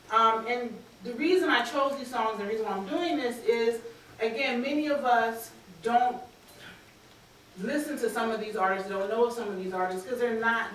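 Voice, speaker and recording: Woman in her 30s giving a talk at a podium, kinda high voice, lots of ums, big echoey hall, mic sounds far off. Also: a bit bright, slight background noise. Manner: earnest lecturing with frequent ums, reading quotes aloud. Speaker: academic speaker. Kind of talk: conference talk. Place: lecture hall, standing at a lectern. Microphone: lectern microphone. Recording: very echoey hall, heard from a distance.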